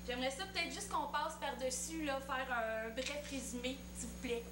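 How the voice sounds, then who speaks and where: A woman's voice: high-pitched, normal speed, background noise, natural voice. A woman with a Quebec French accent playing a whiny young student pleading with her teacher in a comedy sketch. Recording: roomy with loud music.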